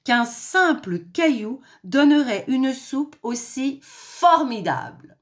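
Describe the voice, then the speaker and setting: A woman's voice: sits high, very animated, pitched above the performer's own voice, heavily acted. Woman doing a boastful wicked storybook wolf. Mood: delighted. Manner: loud, exclaiming, drawn-out complaints. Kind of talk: storybook reading for children.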